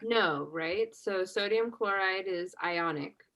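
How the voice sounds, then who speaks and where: A woman of medium pitch talks slowly on a rough recording with a little hiss or hum. As a chemistry instructor reviewing for an exam, she chats casually, asks the class questions, and checks in with "right?" after almost every point.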